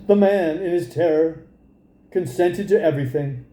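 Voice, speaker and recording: A man reads a fairy tale aloud as a storybook reader, his voice very mellow and high-set for a male. He takes his time over the narration while keeping a normal speed, and the room adds a clear echo.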